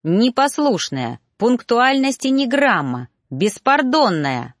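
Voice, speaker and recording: A woman voicing an irritable, flustered young male reaper in an audiobook, snapping his words out slowly and angrily. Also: on the high side, sing-song, no echo, studio quality, pitched above the performer's own voice, heavily acted. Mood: irritated. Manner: angry, snapping, drawn-out emphasis. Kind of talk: audiobook character voice.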